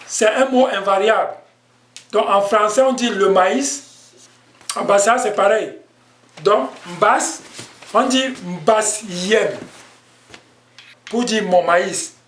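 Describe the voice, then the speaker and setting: A man with a high voice teaches a language lesson at an unhurried pace, patiently repeating his points. The sound is echoey, as if recorded in a bare room. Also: a bit bright. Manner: slow, patient explaining with repetitions.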